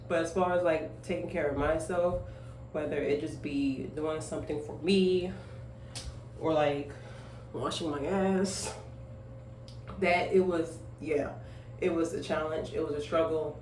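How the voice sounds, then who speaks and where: A twenty-five-year-old single mother vlogs casually at home while grooming, rambling with plenty of fillers and emphatic asides. Her voice sits low and is a little mellow, with fairly even intonation and a measured pace. The room echoes, her voice is off-mic, and there's faint noise.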